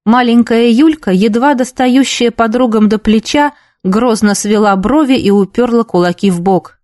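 A woman's voice: on the high side, normal speed, no room sound, studio quality. Woman reading a book aloud. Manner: lively, voices the characters. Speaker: audiobook reader. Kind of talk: expressive book narration.

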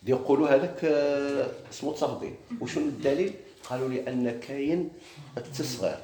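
A man's voice: mid-range voice, normal speed, reverberant, slight background noise. A man with a Moroccan Arabic accent teaching a grammar lesson, explaining step by step and quizzing his students with questions. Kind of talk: classroom lesson.

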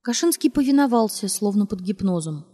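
A woman narrating a novel in a measured, even storytelling manner. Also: mid-range voice. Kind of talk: audiobook narration.

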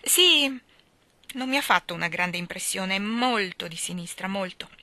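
A woman doing prim disapproving lady, self-important, bright tone. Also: medium pitch, expressive, moderate pace, no room sound.

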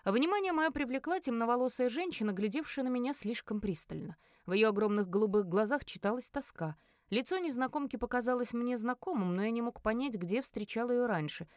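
A woman reading a first-person fantasy audiobook in an expressive narrating voice. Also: on the high side, a little fast, no echo, clean studio sound. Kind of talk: scripted narration.

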